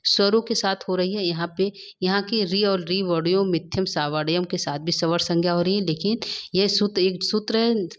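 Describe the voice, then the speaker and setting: A woman's voice: lowish voice, normal speed. A woman teaching a Sanskrit grammar lesson online, explaining step by step and often asking and answering her own questions.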